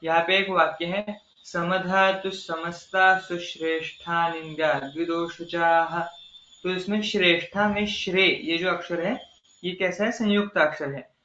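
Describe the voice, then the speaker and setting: A man teaching as an Ayurveda instructor in a recorded online lecture, explaining carefully and slowly chanting verse examples. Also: sits high, pushed and bright, reverberant, dull audio.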